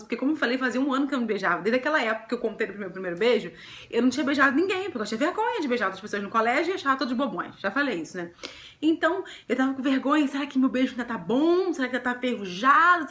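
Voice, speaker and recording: A young Brazilian woman vlogger telling a personal love story to camera, chatty and animated, often breaking into giggles. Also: high-pitched. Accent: Brazilian Portuguese.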